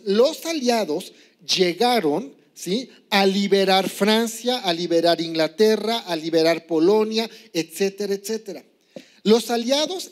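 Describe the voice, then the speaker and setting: A man preaching a sermon as pastor, teaching step by step with examples and often asking "¿sí?". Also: high voice. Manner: teaching, asks "¿sí?" after points; explains with examples, some hesitation.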